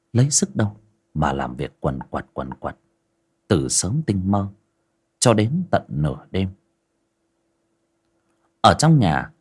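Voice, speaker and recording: A narrator reading a story aloud with dramatic, expressive delivery. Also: sits low, slightly rough.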